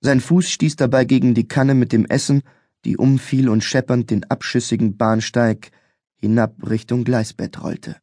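A man reading a thriller audiobook in a measured, clear storytelling manner. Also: mid-range voice, fairly even intonation, a little mellow, no room sound, studio quality. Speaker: audiobook narrator. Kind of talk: scripted audiobook narration. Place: recording studio. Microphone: close studio mic.

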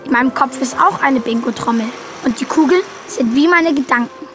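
In a children's audio drama, an actor voices an earnest, quirky young boy who is both narrator and main character, telling his story in a matter-of-fact, childlike, explanatory way. His voice is high-pitched, fairly quick, bright and forceful, with faint music in the background.

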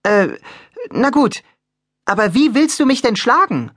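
A man's voice: extremely high pitch, big pitch swings, measured pace, a bit bright, no echo, clean studio sound, pitched above the performer's own voice, heavily acted. A man voicing a plucky, cheeky teenage girl in an audiobook. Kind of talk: audiobook character voice.

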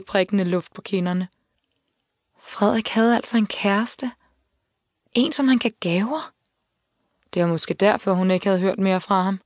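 A woman reading an audiobook, with calm, measured storytelling. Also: fairly low pitch, no room sound. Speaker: audiobook narrator. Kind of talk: scripted narration. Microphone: close studio mic. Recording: dry studio reading.

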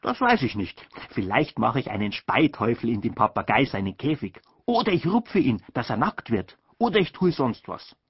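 A man's voice: medium pitch, big pitch swings, moderate pace, hardly any pauses, husky, dry recording. A man voicing a cheeky, scheming young rascal boy, in a dull lo-fi audiobook recording.

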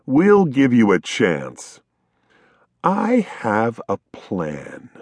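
A man's voice: mid-range voice, wildly swooping pitch, extremely slow, dry recording, voice pushed up, heavily acted. A man voicing a sensible young male pig brother in a children's storybook, firm and matter-of-fact.

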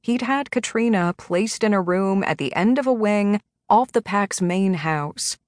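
A woman narrating a romance audiobook in an even, measured reading. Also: medium pitch, no echo.

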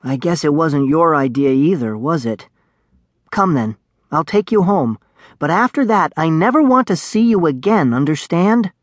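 A man's voice: fairly high pitch, expressive, normal speed, dry recording, voice pushed up. A man voicing a kind-hearted boy who speaks in a raised, urgent voice. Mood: tender.

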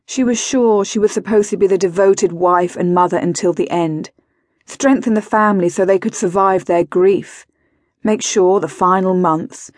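A woman narrating an audiobook thriller in a measured, wry manner. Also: mid-range voice, a little mellow, dry recording, clean studio sound.

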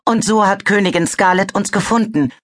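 A woman's voice: mid-range voice, steady tone, normal speed, pitched above the performer's own voice, natural voice. A woman voicing a nervous, stammering male dragon in a storybook reading. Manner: stammering, hesitant.

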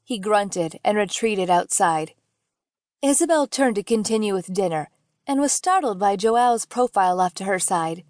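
A woman audiobook narrator reading fiction in a measured, gentle storytelling manner. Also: mid-range voice, animated, no echo, studio quality.

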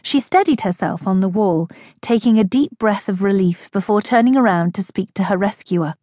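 Dry, measured woman audiobook narrator. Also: medium pitch, mellow, dry recording. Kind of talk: scripted narration.

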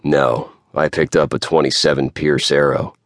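A man's voice: a bass voice, flat delivery, moderate pace, dry recording, clean studio sound. A man voicing a curt, cold young businessman who speaks in clipped, commanding lines. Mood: dry.

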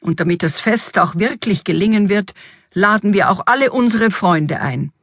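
A woman doing an excitable fairy-tale king. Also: mid-range voice, normal speed, breathy edge, dry recording, clean studio sound. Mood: exuberant. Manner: exuberant, exclamatory.

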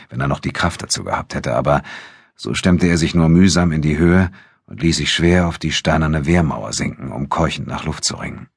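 Deep, gravelly male audiobook narrator. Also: no echo, clean studio sound. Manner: measured, steady storytelling. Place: recording studio. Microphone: close studio microphone.

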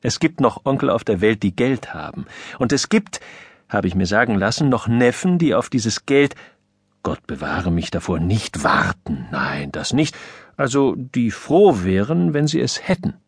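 Lively, expressive male audiobook narrator. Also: fairly low pitch, measured pace, slightly rough, no room sound, studio quality. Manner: lively, expressive, mock-stern. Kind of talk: scripted humorous storybook reading.

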